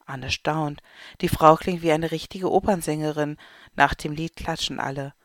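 A narrator reading a children's story aloud in a calm, clear way. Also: mid-range voice, moderate pace, dry recording, clean studio sound. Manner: calm, clear read-aloud delivery with light voices for characters.

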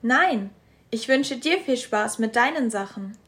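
A woman voicing a cheerful, kind little child with bright, eager chatter. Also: fairly high pitch, lively intonation, a little slow, pitched above the performer's own voice.

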